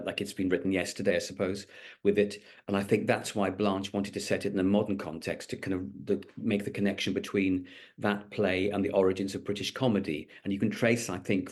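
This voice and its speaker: A middle-aged stage actor from Wales, with a light Welsh accent, answers interview questions thoughtfully, restarting often and using many fillers. His voice is deep and a little mellow.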